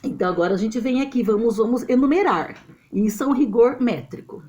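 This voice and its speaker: A Brazilian woman teaches a literature lesson to a camera, her fairly high voice rising and falling in a very lively way. She explains patiently and keeps checking that her students follow along. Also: fairly quick, a little hiss or hum. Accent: Brazilian Portuguese. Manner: animated and explanatory, checks understanding with tag questions. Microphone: camera mic.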